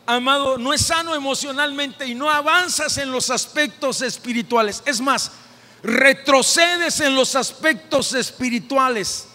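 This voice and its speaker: Mexican male pastor, deliberate unhurried sermon delivery that climbs into shouting, echoing through a church hall. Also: extremely high pitch. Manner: impassioned preaching, rising to shouted repetition. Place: church sanctuary. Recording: long hall reverb in a church.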